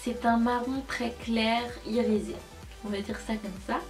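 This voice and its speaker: A woman's voice: fairly high pitch, fairly even intonation, measured pace, darkish tone, faint music behind. Enthusiastic young woman reviewing makeup. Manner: enthusiastic, repeats words for emphasis. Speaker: beauty vlogger. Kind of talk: casual product review.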